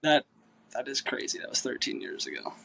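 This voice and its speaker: A man's voice: mid-range voice, brisk, vocal fry. Kentucky-accented man, rambling casual talk. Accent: Southern US, Kentucky. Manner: relaxed, rambling with many uh and um. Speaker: podcast guest. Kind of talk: casual chat.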